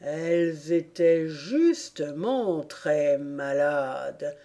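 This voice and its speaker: A woman voicing a drowsy male dormouse with a slow, dreamy, half-asleep drawl in an audiobook. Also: sits low, lively intonation, dark tone, exaggerated voice. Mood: sleepy. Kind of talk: audiobook character voice.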